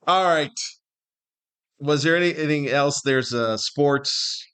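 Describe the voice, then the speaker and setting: A little high and slow, his voice is clear, resonant and fairly bright. He's an older man of 50-plus from Southern California with an American accent, casually hosting a solo podcast in a rambling, self-deprecating way.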